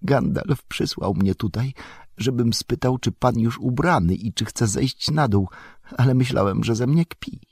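A man reading an audiobook, voicing an eager, devoted young male hobbit servant in an excited, exclamatory manner. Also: mid-range voice, measured pace, slightly rough, no echo, studio quality, pitched above the performer's own voice. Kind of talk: audiobook character voice.

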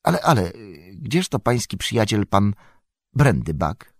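A man's voice: fairly low pitch, a little slow, dry recording, studio quality, pitched above the performer's own voice, heavily acted. Butterbur, a man doing a jumpy fussy innkeeper. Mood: fretful. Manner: excitable, fussy and rambling. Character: jumpy talkative middle-aged male innkeeper.

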